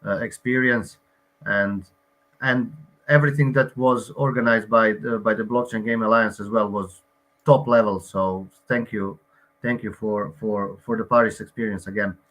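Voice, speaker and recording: A man's voice: fairly low pitch, fairly even intonation, normal speed, a bit bright. A man from Croatia, a game co-founder, giving an online presentation with frequent hesitations and fillers.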